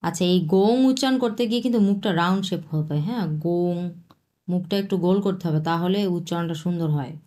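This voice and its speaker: A woman teaching a Chinese lesson, patiently repeating words slowly and explaining their tones. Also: lowish voice, dark tone. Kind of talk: language lesson explaining vocabulary.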